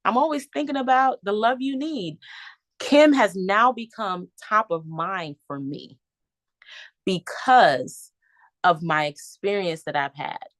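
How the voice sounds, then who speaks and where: A woman coach telling a casual, animated story to her listeners, acting out her own thoughts as she goes. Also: medium pitch, slow pace, no room sound. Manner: chatty and animated, addresses listeners as "y'all"; acts out her own thoughts in quoted asides. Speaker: coach speaking to her course members.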